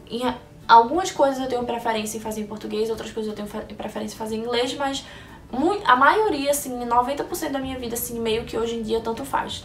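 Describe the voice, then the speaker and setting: A young Brazilian woman with a highish voice and vocal fry chats casually to camera, answering viewer questions and thinking aloud with frequent restarts. She is in a brightly lit indoor room in Orlando; the room echoes, her voice is a bit far from the mic, and faint music plays behind.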